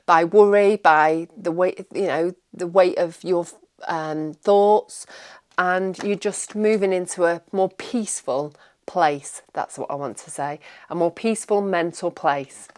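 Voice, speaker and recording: A woman's voice: on the low side, slow pace. A woman giving a casual tarot reading, rambling and reassuring, often repeating her words. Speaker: tarot reader.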